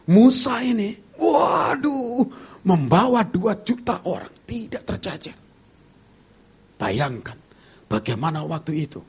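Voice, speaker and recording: A male pastor preaching at a church service, telling humorous stories and acting out the dialogue in a lively way. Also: sits high, slow pace, husky. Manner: lively storyteller who acts out dialogue. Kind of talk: humorous sermon storytelling.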